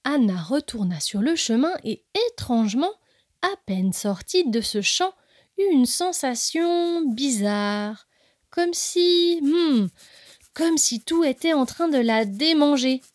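Female storyteller, fairly high voice, dry close sound, gentle expressive reading for children. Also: slow, dry recording.

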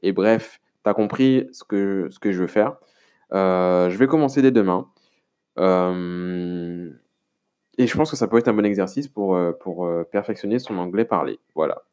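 A man's voice: deep voice, measured pace, a little mellow, clean tone. A man from France talking alone on his podcast, rambling casually with many fillers and restarts and speaking to the listener informally. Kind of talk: casual solo podcast monologue.

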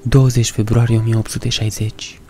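A man narrating a first-person horror story in a measured, somber way. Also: medium pitch, little pitch movement, darkish tone, slight background noise.

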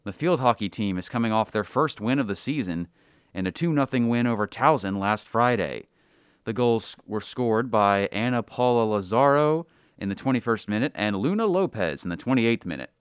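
A man's voice: on the low side, lively intonation, normal speed, clear, resonant tone, dry recording, clean studio sound. A man hosting a college radio sports show, speaking in a formal announcer style.

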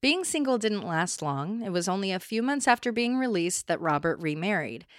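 A woman's voice: medium pitch, big pitch swings, moderate pace, no room sound, studio quality. A woman hosting a true crime podcast, reading a scripted account and breaking in with blunt, opinionated asides.

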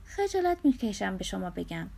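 A woman's voice: mid-range voice, big pitch swings, vocal fry, a little mellow, slight background noise, pitched below the performer's own voice. Woman reading a shy, earnest young woman. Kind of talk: audiobook dialogue reading.

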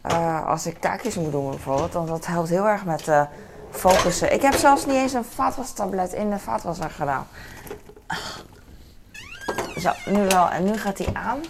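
Gravelly Dutch-speaking woman rambling at home. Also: fairly low pitch, moderate pace, noisy background. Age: adult with a son. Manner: rambling, many fillers, talks to herself. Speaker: vlogger. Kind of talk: casual chat to camera. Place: home kitchen. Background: dishes and cutlery clatter.

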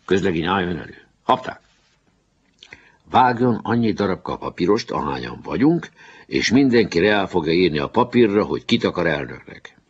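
Man reading as a bossy fair boy captain giving orders, raspy low voice, dull old-sounding audio. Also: sing-song, full character voice. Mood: commanding. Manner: firm, commanding.

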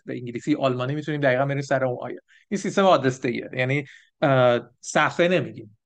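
A man leading a church Bible lesson, explaining step by step and often checking with the group. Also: on the high side. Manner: explanatory, asks the group questions. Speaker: Bible teacher. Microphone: microphone for an online stream.

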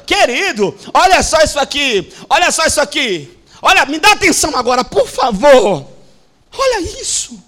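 A man with a Brazilian accent preaching a sermon at a church service. His delivery is emphatic and repetitive, swinging from hushed lines to shouts. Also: very high-pitched, big pitch swings, moderate pace. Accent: Brazilian Portuguese. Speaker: pastor.

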